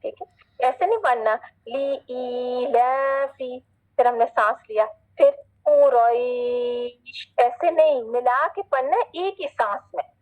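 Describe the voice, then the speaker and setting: A woman with a somewhat high voice teaches a Quran recitation class online. She explains patiently, checks in with her students again and again, and stretches each Arabic word out slowly when she recites. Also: expressive, narrow, tinny audio. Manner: patient, repetitive, checks in often; slow, drawn-out recitation of Arabic words.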